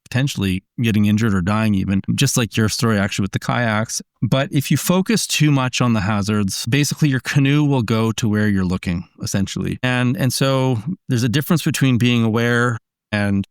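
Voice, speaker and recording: A man's voice: mid-range voice, brisk, clean tone, no echo, studio quality. A man as a podcast guest, explaining ideas earnestly in casual conversation, often restarting his sentences.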